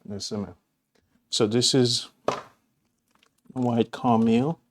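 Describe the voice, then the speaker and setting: A Jamaican man with a mid-range voice and fairly even intonation speaks extremely slowly. He's hosting a casual cooking demonstration in his home kitchen, chatting and rambling with homely asides while he works.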